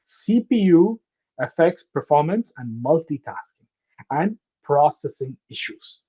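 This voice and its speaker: A man's voice: fairly high pitch, very animated, a little slow, dark tone, husky. A man teaching a live online computer class over a video call. He explains step by step and keeps checking in with "okay?" and "right?". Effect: heard over a video call. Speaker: computer course instructor. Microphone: laptop or headset mic on a video call. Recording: muffled video call audio.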